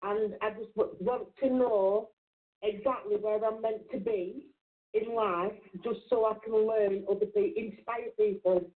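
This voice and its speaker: A woman's voice: medium pitch, steady tone, a little slow. A British woman from the UK, a guest on a talk show, answering hesitantly and shyly. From United Kingdom. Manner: hesitant, shy, laughs off compliments. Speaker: guest, psychic. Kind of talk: casual interview answers. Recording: tinny phone-like call audio.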